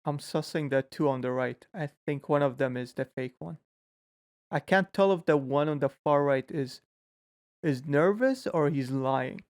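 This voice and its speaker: A man's voice: a little high, no echo, clean studio sound. A man hosting a reaction video, talking casually and skeptically about what he watches. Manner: chatty, skeptical, quick to call people out. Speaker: reaction channel host.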